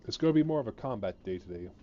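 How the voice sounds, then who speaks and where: On a gaming stream, a man chats casually in a lowish, dark voice, rambling and hesitant with lots of fillers. He sounds sleepy and yawns, and the audio is dull.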